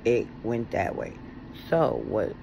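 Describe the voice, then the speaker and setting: Middle aged american guy with no teeth chatting to his phone, creaky low voice, lots of pauses, hum behind him. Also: wildly swooping pitch. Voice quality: toothless, soft-edged articulation. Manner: halting, with long pauses. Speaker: video blogger. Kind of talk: casual chat to camera. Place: indoors at home, reclining. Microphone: phone at arm's length.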